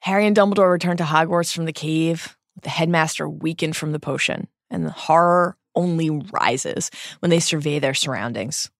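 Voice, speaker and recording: A woman's voice: low voice, moderate pace, creaky, dry recording, clean studio sound. An American woman hosting a podcast, delivering a scripted intro and recap with playful banter and emphatic, dramatic flair. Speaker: podcast host and editor.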